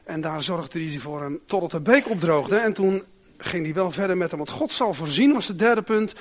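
A man preaching a sermon in a church, praying and reading Scripture with lively, raised emphasis on dramatic lines. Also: a little high, moderate pace, a little hiss or hum. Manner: animated, raises voice when reading dramatic quotes. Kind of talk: sermon with prayer and Bible reading.

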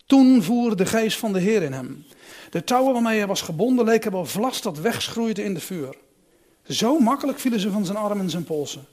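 Lively man reading and explaining Scripture. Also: high-pitched, normal speed. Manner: lively, musing, with restarts. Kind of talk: Bible reading and commentary.

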